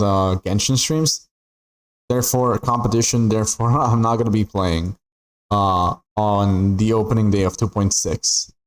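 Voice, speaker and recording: Chatty low-voiced young man streaming. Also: low-quality recording. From Peru. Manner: rambling, chatty, filler-heavy with frequent "like" and "right?". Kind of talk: casual chat while gaming.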